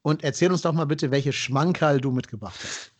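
A man's voice: fairly high pitch, moderate pace. A man hosting a podcast in a chatty, conversational way, speaking directly to his listeners. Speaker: podcast host.

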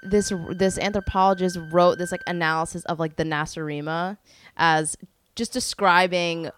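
A woman's voice: fairly low pitch, wildly swooping pitch, normal speed, fairly bright tone, a little hiss or hum. A young woman co-hosting a casual chat, informal and thinking aloud as she goes. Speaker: podcast co-host.

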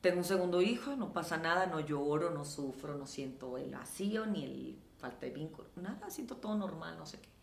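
Mexican woman, middle-aged, low voice, animated storytelling, echoey room. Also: brisk, creaky, few pauses, a little hiss or hum. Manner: animated, acts out quoted dialogue. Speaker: guest. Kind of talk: casual interview storytelling.

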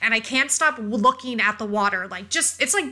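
A woman co-hosting a podcast tells animated, self-deprecating stories in casual chat. Her voice is a little higher than most and sounds bright. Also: a little fast. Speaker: podcast co-host.

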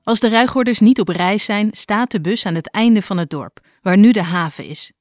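A documentary narrator and interviewer speaking in a calm, measured way. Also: mid-range voice, no room sound, soft background music.

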